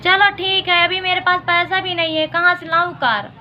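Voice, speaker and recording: A man's voice: very high-pitched, flat delivery, moderate pace, lo-fi sound, slight background noise, voice pushed up. A woman voicing a sleepy, grumbling village dad. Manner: pleading, tired grumbling. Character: poor village father, sleepy and easygoing.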